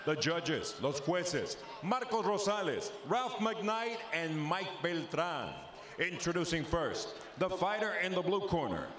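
A man doing booming, theatrical, bilingual ring announcing like a lucha libre announcer, stretching out the big moments. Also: big pitch swings, slow, crowd noise. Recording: echoey arena microphone with loud background noise.

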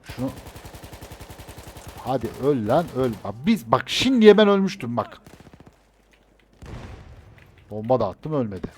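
This gameplay streamer has a mid-range, slightly mellow, sing-song voice at a moderate pace, muttering casual commentary and breaking into frustrated swearing. Gunfire from the game plays, with a little hiss or hum.

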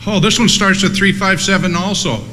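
Casting: older male prize announcer, booming and bright, fairly high pitch, jovial, live event sound with some noise. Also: a little fast, big-room sound. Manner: jovial, joking with contestants. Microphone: handheld microphone over PA.

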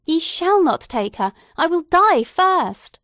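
A woman's voice: very high-pitched, sing-song, slow, a bit bright, no echo, studio quality, pitched above the performer's own voice, exaggerated voice. A woman reading the part of a desperate young mother who pleads fiercely, near shrieking, in an audiobook. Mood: defiant.

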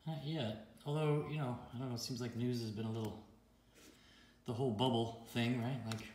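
A man's voice: medium pitch, steady tone, a little fast, darkish tone. A man hosting a casual card unboxing, reading out each card and laughing often. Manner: chatty, laughs often, reads out card names. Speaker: card-opening channel host. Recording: roomy echo with faint noise.

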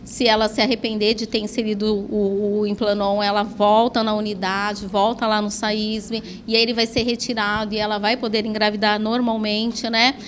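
A woman's voice: mid-range voice, level tone, normal speed, few pauses, slight background noise. A middle-aged woman, a health worker, explaining a program in an interview in a classroom, often ending with a questioning tag. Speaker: health worker giving a talk. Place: classroom with projector.

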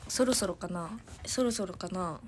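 A woman's voice: fairly low pitch, moderate pace, slight background noise. A young woman, chatting casually and giggling on a livestream from her family home, reading out viewer comments. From Hiroshima, Japan. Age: young adult. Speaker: idol livestreamer.

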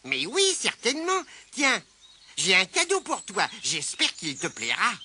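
A man's voice: sits high, sing-song, unhurried, sharp tone, a little hiss or hum, voice pushed up, heavily acted. A man voicing a cheerful little female magic spider in a storybook, chirpy and eager. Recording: music playing behind.

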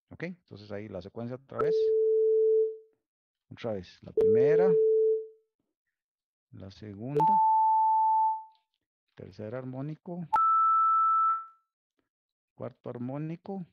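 Male lecturer, gravelly voice, stop-start explaining, dry muffled recording. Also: medium pitch, animated, slow, long pauses, very noisy. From Costa Rica. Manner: thinking aloud, many restarts and checks like "¿Ok?". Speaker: university lecturer.

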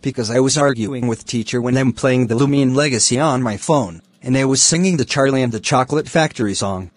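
Flat text-to-speech man's voice. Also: mid-range voice, fairly quick, dry recording. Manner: flat synthetic delivery.

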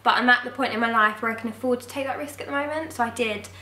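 A young woman telling a personal story in a casual vlog, frank and expressive, swearing now and then. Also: fairly high pitch, quick pace. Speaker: vlogger. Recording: roomy, mic at a distance.

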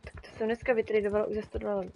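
A woman's voice: medium pitch, little pitch movement, vocal fry, darkish tone, a little hiss or hum. A woman streaming a game live, chatting casually with her viewers and talking to the animals on screen. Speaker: streamer and graphic designer.

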